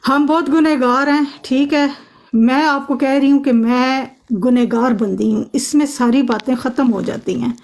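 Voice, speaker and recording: A woman's voice: sits high, fairly even intonation, darkish tone. A woman on a phone live stream arguing emphatically, insisting the other person listen to her. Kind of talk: heated live-stream argument.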